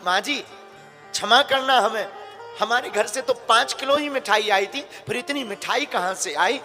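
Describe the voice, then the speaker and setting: A man's voice: very high-pitched, normal speed. A male preacher voicing a worried young daughter-in-law who pleads with her mother during a sermon story. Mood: astonished. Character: young newly married woman, anxious daughter-in-law. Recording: long hall reverb, faint music.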